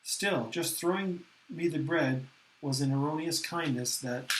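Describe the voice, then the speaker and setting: A man narrating a novel aloud in the first person, with a steady, earnest reading manner. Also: mid-range voice, rough recording.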